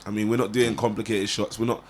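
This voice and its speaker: Relaxed man, low voice. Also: quick pace, a little hiss or hum. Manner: relaxed, encouraging, joking. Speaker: film director and podcast host. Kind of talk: casual post-shoot chat.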